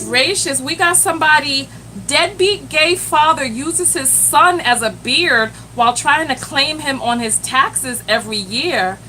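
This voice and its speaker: Here a self-love coach hosts a live stream, talking to her chat directly in an animated way and crying out "Lord have mercy." She has a high-sitting voice. The audio is poor and carries a bit of background noise.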